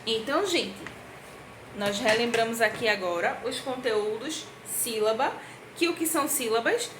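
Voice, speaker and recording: A woman teaching young children in a review lesson, talking patiently in a sing-song way, stretching out words slowly and checking in with them often. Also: fairly high pitch, animated. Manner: slow, drawn-out words when spelling out syllables. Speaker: primary school teacher. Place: indoor room at a board, writing with a marker. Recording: echoey room with faint background hiss.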